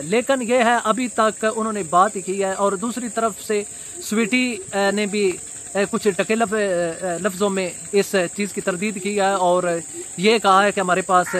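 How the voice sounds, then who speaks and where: A man in his thirties giving a casual commentary vlog outdoors beside a brick wall, recorded on a phone camera, pausing often with fillers. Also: high-pitched, a bit bright, a little hiss or hum. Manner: hesitant, many filler pauses. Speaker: vlogger. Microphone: phone camera at arm's length.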